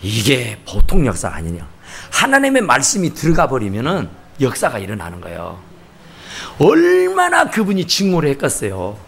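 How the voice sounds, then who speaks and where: A male pastor preaching a sermon in a church sanctuary, telling stories in an animated way and acting out the people in them. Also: medium pitch, normal speed, gravelly, breathy edge. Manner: animated storytelling, acting out quotes.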